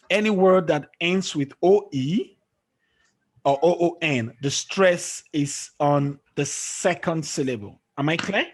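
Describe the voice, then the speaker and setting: A man whose voice sits on the high side with a breathy edge runs an online English pronunciation lesson over video call. He checks often that his student follows, repeatedly asking "okay?"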